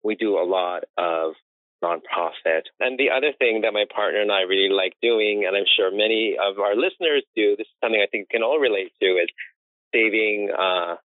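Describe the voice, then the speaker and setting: Here a fairly low-pitched, fairly quick American man chats through an interview about interior design work and his life, telling long tales and laughing often. Echo-free, the sound is dry and tinny like a phone line.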